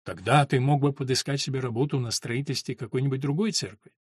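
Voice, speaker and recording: A man's voice: medium pitch, fast talker, breathy edge, dry recording, studio quality, lightly acted. A man voicing Ellen, a strong but tired mother who speaks with weary irritation and cries out in grief. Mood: pleading. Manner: tired, irritated, breaking into shouts.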